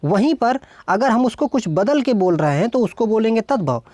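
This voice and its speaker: A woman's voice: fairly high pitch, big pitch swings, moderate pace, warm tone, no echo. A woman teaching an exam-solution lesson, explaining step by step and answering her own questions as she goes. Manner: often adds "thik hai" and "dekhiye". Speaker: Hindi exam tutor.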